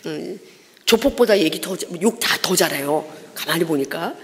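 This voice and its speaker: A woman evangelist giving a testimony sermon in a church, telling her story in a lively way and acting out the people in it. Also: lowish voice, moderate pace. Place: church sanctuary. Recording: long reverb of a church hall.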